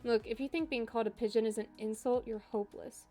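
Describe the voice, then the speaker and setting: A woman's voice: on the high side, steady tone, quick pace, dark tone, faint music behind. A woman streamer reading a dating game aloud, with playful, jokey asides.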